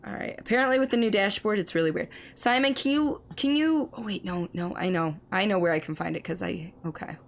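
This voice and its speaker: A woman streamer chatting through live gameplay commentary, reading and answering chat, her voice slightly hoarse as it recovers. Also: medium pitch, fairly quick, hardly any pauses, a little hiss or hum.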